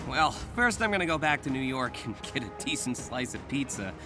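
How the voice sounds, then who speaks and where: Man playing lively young Spider-Man, wisecracking and earnest. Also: medium pitch, fairly quick, over music, close to an everyday voice. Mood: warm concern. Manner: quippy, earnest. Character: young wisecracking masked superhero, earnest and eager. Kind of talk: video game voice acting.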